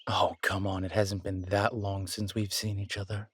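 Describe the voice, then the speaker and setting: This man plays a laid-back, loving werewolf partner who fiddles with bikes, talking in a relaxed, halting way for an intimate roleplay audio drama. He has a deep, slightly rough voice with a fairly bright tone, and his delivery is completely flat.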